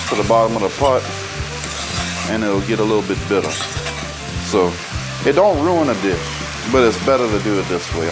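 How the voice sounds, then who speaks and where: A man's voice: mid-range voice, low-quality recording. A man with a Cajun accent hosting a casual cooking demonstration as the chef, talking in a folksy, colloquial way. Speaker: cooking show host and chef.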